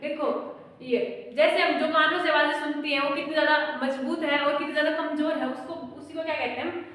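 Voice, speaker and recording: Woman schoolteacher, high-pitched, dictates definitions slowly; long reverb, mic set far off. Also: steady tone, fairly bright tone. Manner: repeats questions and answers them herself. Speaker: teacher. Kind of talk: classroom physics lesson. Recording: very echoey room, far from mic.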